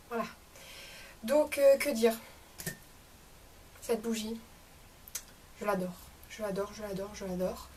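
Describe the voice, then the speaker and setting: A young woman chatting casually through a beauty product review vlog, enthusiastic and full of fillers. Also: on the high side. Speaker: beauty vlogger. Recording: slightly distant mic with faint room noise.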